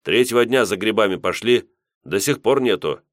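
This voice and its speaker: A man's voice: on the low side, normal speed, no room sound, clean studio sound, pitched above the performer's own voice, natural voice. A man voicing a stout gray-bearded peasant farmer who speaks in a plain, folksy and solemn way. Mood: worried.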